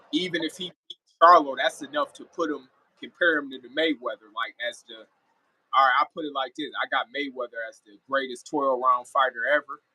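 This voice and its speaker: A man talks as a guest commentator in a casual sports reaction video. His voice is mid-pitched, forceful and rough-edged, and he is opinionated, often doubling back on phrases for emphasis. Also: rough recording.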